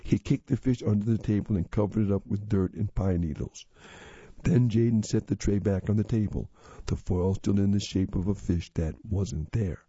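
A man reading magazine stories and articles aloud in a steady, measured way. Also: on the low side, breathy edge, no room sound. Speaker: magazine reader. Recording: dull lo-fi recording.

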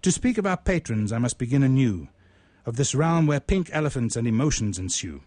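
Storytelling and poetry recitation fill this radio host's show, delivered conversationally in a literary spoken style by the man, himself a poet. He speaks at medium pitch in a sing-song, a little fast manner, his tone a little mellow, and the recording is dry.

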